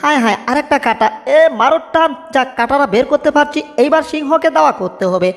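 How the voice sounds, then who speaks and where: A woman voicing a soft-hearted, bumbling male cartoon cat in a homemade dub, whiny and fretful. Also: high voice, expressive, quick pace. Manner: whiny, fretful, cries out in alarm. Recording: long reverb, echoey room.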